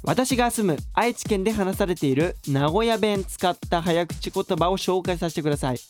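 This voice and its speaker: A young man in his twenties hosting a casual radio show, reading listener messages aloud slowly and joking with his co-hosts. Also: high voice, faint music behind. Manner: animated, reads aloud slowly and carefully, then jokes.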